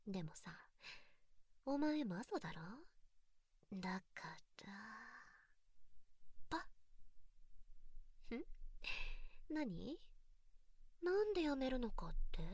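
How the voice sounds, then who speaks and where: A woman's voice: fairly high pitch, husky, no echo, full character voice. A woman playing a mocking, domineering young tease, whispered role-play. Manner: taunting, mocking baby talk and laughter.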